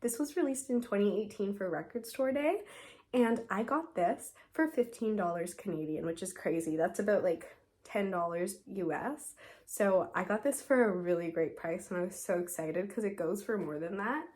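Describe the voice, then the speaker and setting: A woman's voice: mid-range voice, expressive, moderate pace, darkish tone. A young woman with a congested, stuffy voice and a sore throat, chatting eagerly at home as a YouTuber, gushing and saying "like" a lot. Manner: gushing, enthusiastic, says "like" often. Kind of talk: casual vlog chat.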